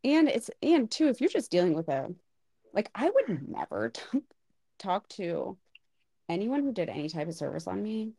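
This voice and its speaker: A woman's voice: medium pitch, big pitch swings, normal speed, vocal fry, dark tone, dry recording, studio quality. A woman co-hosting a podcast about hair styling, chatting casually and animatedly with lots of filler words. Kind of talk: casual chat.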